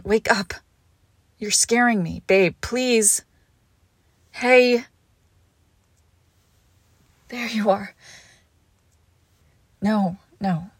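A young woman playing a devoted girlfriend who nurses her sick partner, coaxing and protective, often dropping to a hush. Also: lowish voice, husky, no room sound. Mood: alarmed. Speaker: audio roleplay performer. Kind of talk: audio roleplay addressed to the listener.

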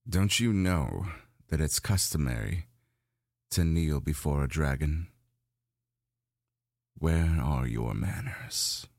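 A man's voice: a bass voice, lively intonation, takes it slowly, vocal fry, pauses often, a little mellow, no room sound, studio quality, heavily acted. A man voicing a domineering, lustful male dragon in an adult audio roleplay, speaking in a commanding, gloating manner.

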